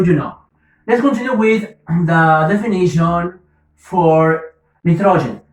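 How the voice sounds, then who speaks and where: A man's voice: fairly high pitch, distant mic. A man teaching an English vocabulary lesson, patiently repeating words and checking that students follow. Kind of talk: slow classroom explanation. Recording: roomy, from the mic.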